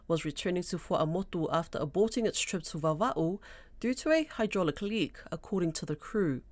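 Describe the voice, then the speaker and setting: A woman's voice: on the low side, darkish tone, dry recording. A woman presenting scripted radio news in a studio.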